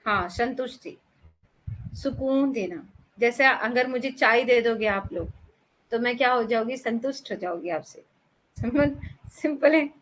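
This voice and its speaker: A woman's voice: a little high, expressive, unhurried, long pauses, a bit bright, low-quality recording. A young woman teacher giving a chatty exam-prep lecture, mixing English terms into her explanations and asking her students questions.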